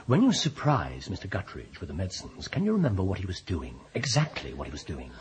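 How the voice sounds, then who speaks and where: A quick, incisive period sleuth in a radio drama, pitch swinging widely. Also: male voice, a little hiss or hum. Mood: probing. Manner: incisive, probing, animated. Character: sharp, probing Victorian detective man.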